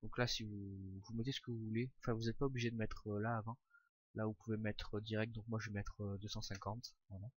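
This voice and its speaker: A young man talking through a casual screen-recorded software tutorial, informal and hesitant, with frequent fillers as he clicks along. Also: on the low side, quick pace, no room sound. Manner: hesitant, many "euh" fillers, relaxed and informal. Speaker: tutorial maker.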